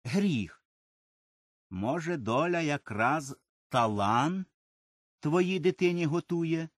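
A man's voice: on the high side, takes it slowly, no echo, clean studio sound, voice pushed up. A man voicing a secretive old village midwife. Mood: mysterious. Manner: calm, secretive.

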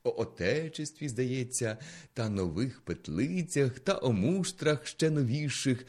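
A man giving a dramatic poetry recitation, swinging between hushed lines and loud, declaiming ones. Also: medium pitch, expressive, measured pace. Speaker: poetry reader.

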